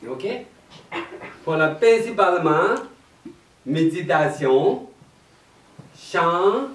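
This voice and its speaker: A man with a Tibetan accent introducing a chant evening to an audience in halting, laughing French. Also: a little high, expressive. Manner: broken French, slow, laughing often. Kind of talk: halting explanatory talk to an audience. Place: meditation centre hall, indoors. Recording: roomy distant hall mic with faint noise.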